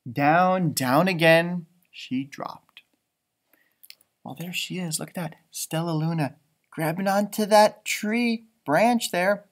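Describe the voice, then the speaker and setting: In a school library, a man with a higher-pitched voice reads a storybook to elementary children with great animation. He is expressive and playful, adding asides and asking his listeners questions.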